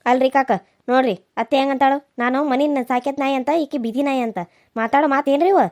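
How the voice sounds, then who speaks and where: A woman's voice: sits high, steady tone, fast, a little mellow, close to an everyday voice. A woman voicing a quarrelsome young village wife with a North Karnataka accent, complaining in a cartoon serial. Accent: North Karnataka Kannada. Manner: complaining, indignant.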